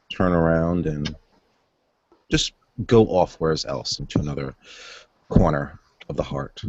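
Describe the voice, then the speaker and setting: A man narrating a tabletop role-play as game master, descriptive and unhurried with filler pauses. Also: low-pitched, dry recording, muffled recording.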